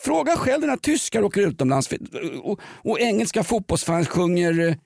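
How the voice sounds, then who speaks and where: A man's voice: high-pitched, very animated, vocal fry, darkish tone, no room sound, studio quality. A man co-hosting a podcast in casual chat, ranting sardonically and joking. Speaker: podcast co-host.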